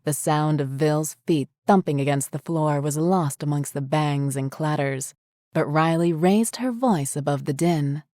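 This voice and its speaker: Low-voiced woman narrating a horror story. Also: dark tone, no room sound, clean studio sound. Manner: measured, descriptive storytelling.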